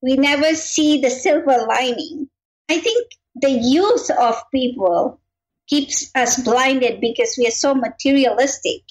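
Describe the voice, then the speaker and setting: High-voiced Kenyan-born woman, reflective. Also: unhurried, poor audio. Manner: earnest, reflective storytelling. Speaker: guest. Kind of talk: interview conversation.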